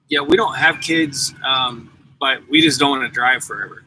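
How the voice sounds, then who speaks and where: A truck driver in his forties rambles casually to viewers on a live stream from his truck, parked at the yard. He has a mid-range voice, picked up on a laptop mic with background noise.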